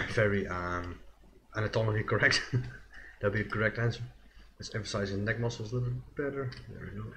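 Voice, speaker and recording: A man with a somewhat low voice talks through his work on a live stream, relaxed and loose. He thinks aloud, trailing off and correcting himself often. A faint hiss of background noise sits under the voice. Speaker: digital sculpting streamer. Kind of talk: casual live-stream commentary while working.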